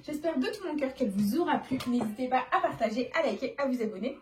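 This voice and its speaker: A woman casually talking through a scratch-card game, giving chatty running commentary that often drops to a soft near-whisper. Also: high-pitched, expressive, fast, slight background noise. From France.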